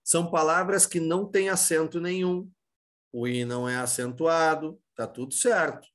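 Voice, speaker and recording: Brazilian male teacher, slightly high voice. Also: steady tone, normal speed, a bit bright. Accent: Brazilian Portuguese. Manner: explanatory, asks and answers his own questions; many fillers and restarts, informal. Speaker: Spanish teacher. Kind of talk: exam-prep lesson.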